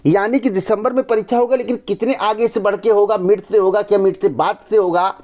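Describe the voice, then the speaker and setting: A man with a noticeably high voice hosts an exam news channel and talks straight to his audience. He argues his points emphatically and keeps asking rhetorical questions. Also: fairly even intonation, brisk, a little mellow. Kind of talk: direct-to-camera news commentary.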